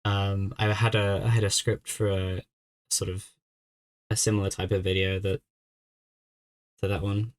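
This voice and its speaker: A man's voice: fairly low pitch, flat delivery, unhurried, long pauses. A young man streaming a game, chatting casually and thinking aloud as he works through a puzzle. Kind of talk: casual live-stream chat.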